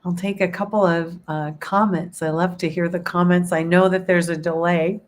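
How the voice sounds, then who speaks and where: A woman who is hoarse and losing her voice, leading a soothing guided meditation and then chatting casually with her online audience. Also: lowish voice, little pitch movement. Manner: slow, soothing guided visualization; rambling, self-interrupting chat with fillers. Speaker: spiritual teacher hosting a livestream.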